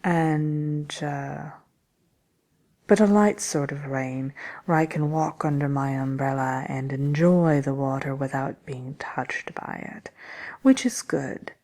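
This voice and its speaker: Low, creaky Wicked Witch of the West played by a woman. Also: steady tone, a little mellow. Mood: dry, matter-of-fact. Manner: unhurried, hesitant, dry, condescending "dearie". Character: haughty wicked witch of fairy tale, grumpy and unapologetic. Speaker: host of a question-and-answer show. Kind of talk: soft-spoken ASMR roleplay chatter.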